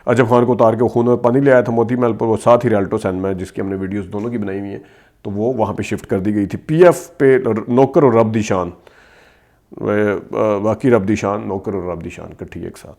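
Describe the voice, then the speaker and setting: Quick man reeling off old films. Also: fairly low pitch, a little mellow. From Pakistan. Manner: reels off titles quickly, stressing names, with asides. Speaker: host. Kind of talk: rapid film-history commentary.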